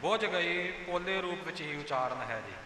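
A man's voice: on the high side, animated, moderate pace, pushed and bright. Man teaching pronunciation in an echoey hall. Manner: patient, corrective, demonstrates words. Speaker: recitation teacher. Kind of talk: explanatory pronunciation lesson.

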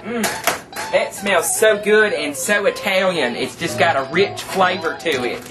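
At a measured pace, a man speaks in a high-pitched voice as a cooking show host playing a campy, thrifty trailer park queen. The home cooking demonstration is folksy, cheerfully instructive and tongue-in-cheek, set in a small home kitchen. It's picked up by a distant camera microphone with music in the background.

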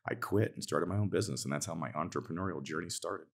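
Hoarse American guest, middle-aged, extremely deep gravelly voice, laid-back frank storyteller. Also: male voice, quick pace. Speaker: guest entrepreneur. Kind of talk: conversational interview.

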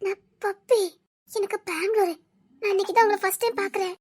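A woman's voice: very high-pitched, fairly even intonation, brisk. A woman voicing a frightened young college student who keeps protesting and asking who the man is, in an amateur audio drama. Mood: firm. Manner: protesting, repeating her demands.

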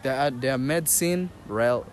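Interviewed on the street via the interviewer's phone, a young Rwandan man starts out hesitant and full of fillers, then turns playful. His medium-pitched voice moves slowly, and faint street noise drifts across the park lawn where he stands outdoors.

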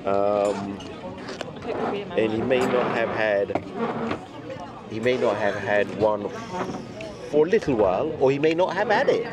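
A middle-aged cigar retailer hosts a casual, chatty lunch conversation on camera at an outdoor restaurant table beside a stone wall, repeating phrases for emphasis. His voice sits on the low side and sounds animated, with a measured pace and long pauses. A loud crowd and background music fill the recording.

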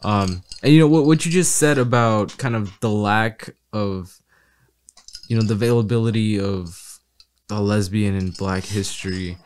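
A man's voice: fairly low pitch, unhurried, darkish tone, clean tone. A young man co-hosting a casual film review podcast. He talks thoughtfully and hesitantly, with many small fillers. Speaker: podcast co-host.

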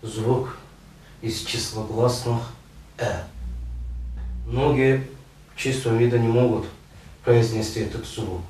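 A man slowly narrating a lesson on word sounds, spelling out each sound one by one in a measured, deliberate way. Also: medium pitch, steady tone, a little mellow, a little hiss or hum. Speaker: lecturer on word origins. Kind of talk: slow explanatory narration.

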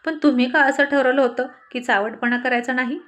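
A bashful young wife who giggles and scolds in turn, as a woman narrator reads her, in a fairly high voice. Her lines come as light storybook dialogue. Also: steady tone, fairly quick, a bit bright. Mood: playful. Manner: shy, giggly, sometimes scolding.

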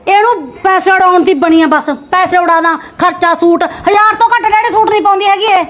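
A woman's voice: very high-pitched, steady tone, brisk, fairly bright tone. A woman playing a married sister-in-law who scolds the spoiled daughter and argues about money. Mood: scolding. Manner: nagging, sarcastic. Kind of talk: Punjabi short-film acting.

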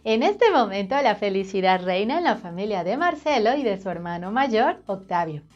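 A woman reading a storybook to children in an animated, sing-song way, speaking straight to the child. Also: medium pitch, normal speed, lo-fi sound, soft background music.

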